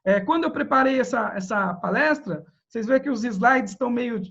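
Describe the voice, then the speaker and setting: A man's voice: very high-pitched, normal speed, gravelly. A man with a Brazilian accent giving an online lecture on public speaking, talking straight to his audience and acting out quoted dialogue. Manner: lively, addresses audience directly, acts out quoted dialogue. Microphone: video call. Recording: dull lo-fi video call audio.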